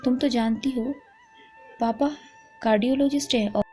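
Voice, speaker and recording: A woman voicing a brisk, practical middle-aged mother. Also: a little high, steady tone, dark tone, slightly rough, faint music behind.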